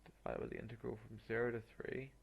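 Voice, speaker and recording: A man working through exam problems aloud as a tutor, halting and muttering through each step in an informal way. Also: medium pitch, little pitch movement, vocal fry, breathy edge. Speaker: maths tutor. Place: voice-over on a screen recording.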